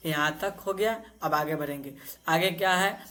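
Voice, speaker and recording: A man teaching Vedic chanting, reciting verses slowly syllable by syllable and breaking off into quick spoken explanations. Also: a little high, sharp tone.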